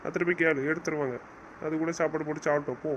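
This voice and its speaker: Stern, fast-talking high-voiced man. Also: steady tone, a bit bright, a little hiss or hum, poor audio. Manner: stern, scolding, commanding. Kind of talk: casual audio drama acting.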